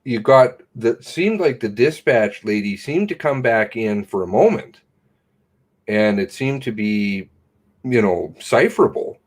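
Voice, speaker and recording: A man's voice: lowish voice, animated, a little slow. Blunt man chatting casually. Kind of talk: casual reaction chat.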